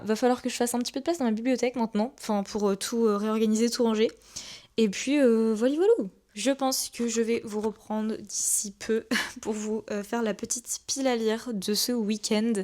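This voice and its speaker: A woman's voice: a little high, a little mellow. Chatty enthusiastic young woman vlogger. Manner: enthusiastic, chatty, many fillers. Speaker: book vlogger. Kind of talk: casual vlog chat. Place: at home at her desk.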